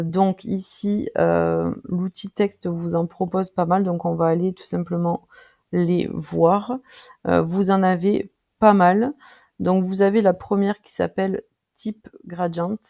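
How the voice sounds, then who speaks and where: Heavily gravelly, dark-voiced tutorial presenter. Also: mid-range voice. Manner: hesitant, frequent filler pauses while clicking through; friendly, addresses viewers directly. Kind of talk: casual screen-recorded tutorial.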